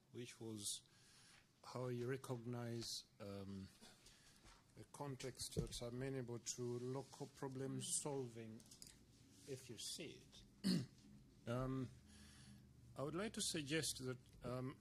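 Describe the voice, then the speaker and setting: A man from Uganda, a report author, answering at a panel discussion in a large conference room, earnest and argumentative, clearing his throat often. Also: mid-range voice, slight background noise.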